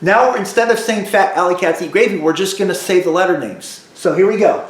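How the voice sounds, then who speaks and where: Music teacher guy drilling kids on notes, kinda high voice, echoey room. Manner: call-and-response drilling, slow repeated prompts. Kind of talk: recorded music lesson for children.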